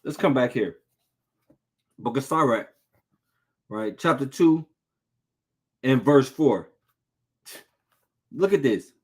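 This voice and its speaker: A man preaching in a relaxed, street-casual way, pitched high with a voice that swoops up and down. He takes his time, drawing out his scripture readings slowly and firing rhetorical questions at his listeners. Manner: reads scripture slowly and deliberately. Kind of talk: informal sermon with scripture reading.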